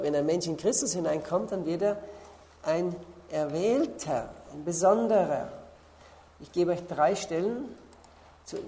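Low, mellow-voiced woman preaching. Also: creaky. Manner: deliberate, stresses key words slowly, pauses to look up verses. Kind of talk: sermon with Bible exposition.

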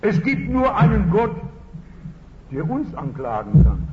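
A man voicing a despairing male apostle in prison, lamenting in a bitter, low voice. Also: huge pitch swings, unhurried, full character voice. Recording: dull lo-fi recording in a reverberant hall.

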